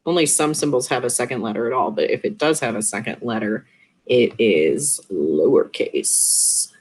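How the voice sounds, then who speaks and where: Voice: medium pitch, fast talker. Casual chemistry teacher recording a video lesson. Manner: casual, with offhand joking asides. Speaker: high school chemistry teacher.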